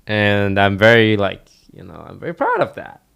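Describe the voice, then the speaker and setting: A young man on a podcast telling a story in a relaxed, rambling way, full of fillers. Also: fairly low pitch, normal speed, creaky, clear, resonant tone. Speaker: podcast co-host. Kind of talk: casual storytelling.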